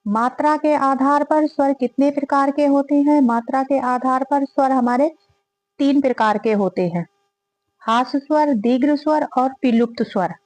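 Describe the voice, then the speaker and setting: In a high-pitched, slightly mellow voice at normal speed, a woman teaches a grammar lesson, reading quiz questions and then listing and repeating each answer option aloud. The recording is rough, though it has no echo.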